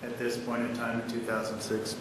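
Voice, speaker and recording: A man questioning a witness as an attorney, asking measured, leading questions, in a courtroom recording. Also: medium pitch, completely flat delivery, background noise. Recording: echoey courtroom audio from far off.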